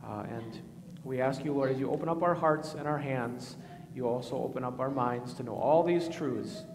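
Male pastor, solemn and measured, mid-pitched, long cathedral echo of a big church. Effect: cathedral echo, long church reverb. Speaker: pastor leading worship. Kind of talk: liturgical prayer and communion address. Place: large church sanctuary. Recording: long reverb of a large church hall.

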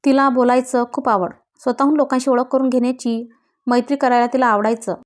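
A woman narrating a moral story in an even, reading storytelling manner. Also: sits high, fairly quick.

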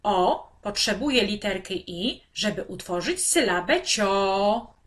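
A woman teacher walks young children through a reading lesson, pronouncing syllables slowly and with great care. Her pitch is mid-range and moves a lot, rising and falling to hold their attention. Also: expressive, fairly bright tone. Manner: slow, clearly articulated, speaking to children. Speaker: primary school teacher.

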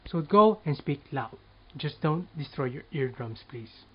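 A man's voice: a little high, lively intonation, unhurried, highs cut off. A man giving casual speaking tips to the camera and demonstrating speech drills aloud. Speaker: speaking coach.

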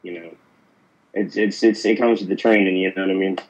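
A man's voice: low-pitched, fairly even intonation, fairly quick, slightly rough, rough recording. A man from Pittsburgh, an actor, telling stories in a casual interview, rambling with lots of fillers and restarts. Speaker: actor guest.

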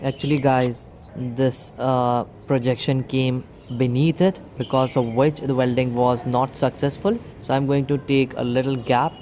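A man's voice: medium pitch, flat delivery, unhurried, hardly any pauses, a little mellow, slight background noise. A man giving a hands-on product demonstration outdoors, talking viewers through each step and calling them "guys". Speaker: electronics video host. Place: outdoor table beside plants.

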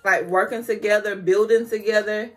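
A slightly tipsy woman in her thirties chatting casually to camera at home, loose and candid, with expressive, colloquial dramatic emphasis. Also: mid-range voice, moderate pace, soft background music. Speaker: vlogger answering questions. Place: small decorated room at home, indoors.

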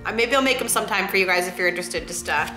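A woman's voice: mid-range voice, very fast. Woman in her thirties, from New Hampshire, cooking vlog host, chatty, roomy kitchen, music behind. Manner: chatty, upbeat, talks to viewers while cooking. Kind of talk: casual cooking vlog narration. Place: home kitchen.

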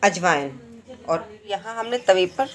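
A woman's voice: mid-range voice, lively intonation, measured pace. A woman hosting a cooking channel, giving friendly step-by-step recipe instructions as a voice-over. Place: home kitchen.

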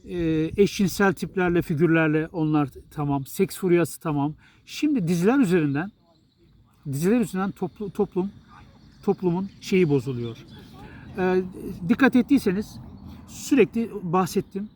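A man's voice: high-pitched, animated, normal speed, a little mellow. A middle-aged male journalist and writer from Turkey, talking straight to his viewers in a blunt, exasperated, rambling monologue full of restarts.

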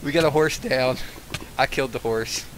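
A man's voice: medium pitch, normal speed, noisy background. A man streaming a game in casual chat, laughing and joking his way through the mishaps.

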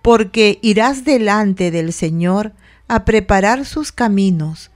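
A woman reading prayers and responses in a measured, solemn liturgical recitation. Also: medium pitch, lively intonation, a little mellow, soft background music. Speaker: prayer reader giving responses.

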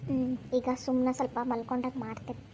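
A woman's voice: little pitch movement, fast talker, dark tone, a little hiss or hum, natural voice. A woman voicing a scheming, manipulative young wife in a cartoon, with a North Karnataka Kannada accent. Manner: pleading, then plotting in low asides. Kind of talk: cartoon voice acting.

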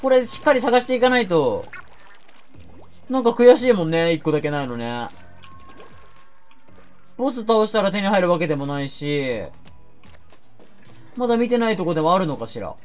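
A woman gaming YouTuber giving excitable game commentary, shouting reactions and talking to viewers. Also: lowish voice, normal speed, long pauses, soft background music.

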